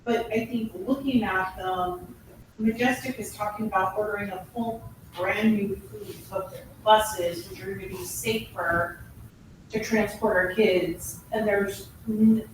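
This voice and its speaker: A woman on a school board, arguing a point at a public meeting in an earnest, halting way with many restarts. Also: medium pitch, steady tone, background noise. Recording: echoey room from a distant mic.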